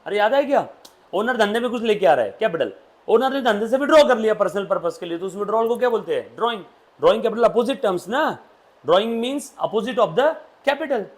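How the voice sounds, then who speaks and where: A man's voice: high-pitched, animated, quick pace. A man, teaching accountancy to a classroom and drilling students with questions. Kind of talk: classroom lecture.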